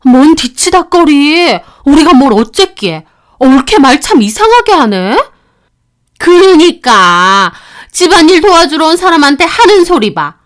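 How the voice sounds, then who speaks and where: A woman's voice: fairly high pitch, lively intonation, slow, few pauses. A woman voicing a domineering middle-aged mother-in-law who talks in a scornful, bossy way.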